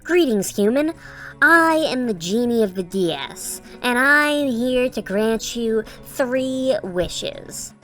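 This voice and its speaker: A woman's voice: on the high side, animated, takes it slowly, a bit bright, soft background music. A synthetic robot voice that sounds like a woman, voicing a pushy, chummy genie who grants wishes.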